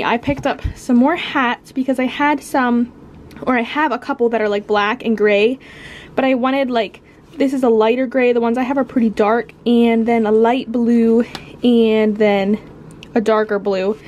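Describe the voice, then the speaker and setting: A young American woman vlogs to her viewers in a relaxed, informal chat. Her fairly high voice stays fairly even and slightly mellow at a moderate pace, with a little background noise.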